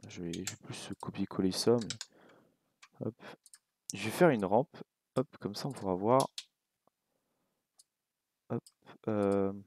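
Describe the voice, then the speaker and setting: Slow, low-voiced French man tutoring. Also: a little hiss or hum. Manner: relaxed, talks while clicking, many fillers and little asides. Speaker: game development tutor. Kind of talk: casual screen-recorded coding tutorial.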